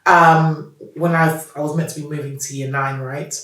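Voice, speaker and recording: A Nigerian business founder with a light accent tells her story in a candid interview, animated, laughing often, and restarting sentences. Her voice sits low at a normal speed, and the roomy recording has the mic at a distance.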